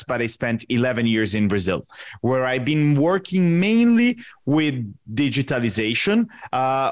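A man in his thirties from Italy, a podcast guest answering questions in a relaxed way, often pausing with fillers as he searches for words. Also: mid-range voice. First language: Italian. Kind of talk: casual interview answers.

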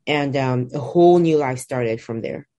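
A woman's voice: extremely low pitch, moderate pace, warm tone. A woman in her twenties from Nigeria, a guest telling her life story in a reflective way with many fillers. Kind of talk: personal storytelling interview.

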